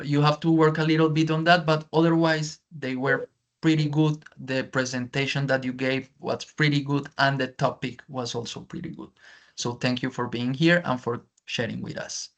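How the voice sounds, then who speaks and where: Here a man with a higher-leaning, fairly bright voice runs an online feedback session. A native Spanish speaker with a strong accent, he teaches English on a video call and regularly rephrases his points in Spanish.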